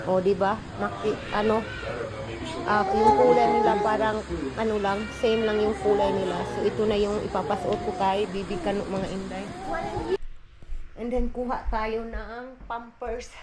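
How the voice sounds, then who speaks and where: A woman's voice: mid-range voice, normal speed, echoey room, over a noisy crowd. A middle-aged Filipino woman with a Visayan accent, chatting casually to her viewers in a home vlog and mixing English into her talk. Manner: chatty, keeps calling viewers "day", mixes English into Tagalog. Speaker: vlogger, stay-at-home mom. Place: family home indoors.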